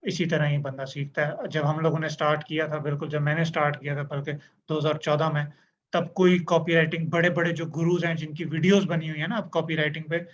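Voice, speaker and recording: A man hosts a casual online interview in a mix of Urdu and English, chatty and agreeable and tossing in joking asides. His voice is a little high, with little pitch movement, and fairly quick. The sound is dull and lo-fi with faint noise.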